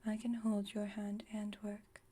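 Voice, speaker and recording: Playing a detached, wry vampire friend with concealed tenderness, a woman speaks an ASMR roleplay monologue in a soft, breathy tone. Her mid-range delivery is completely flat, dry and teasing at an easy pace, and the mood is wry and gently comforting.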